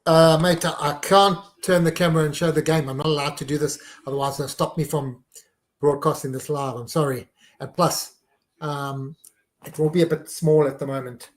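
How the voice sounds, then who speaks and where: A man's voice: on the high side, fairly even intonation, moderate pace, echoey room. A man hosting a live stream, giving casual running commentary on a match and reacting to each play.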